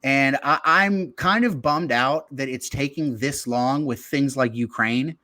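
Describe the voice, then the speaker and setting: A man's voice: medium pitch, unhurried, pushed and bright, dry recording. A man in his late thirties in a casual podcast chat, loose and rambling, full of fillers. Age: 30s.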